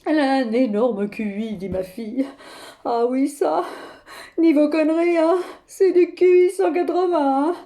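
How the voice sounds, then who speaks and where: An exasperated older grandmother, played by a woman, rants down the phone with dramatic flair, tagging nearly every phrase with a questioning "hein". Her voice sits high but sounds mellow and dark in tone, with a gravelly, creaky edge. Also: unhurried. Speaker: comic monologue performer. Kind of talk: one-sided phone call sketch.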